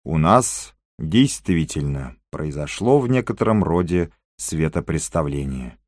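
A man voicing an excitable, talkative Frenchman in an audiobook, speaking with animated emphasis. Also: rumbling low, unhurried, dry recording, studio quality, voice pushed down, full character voice. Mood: wry.

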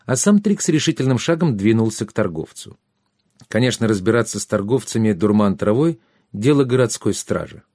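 A man narrating an audiobook with an even, storytelling delivery. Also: on the low side, a little fast, no echo, studio quality.

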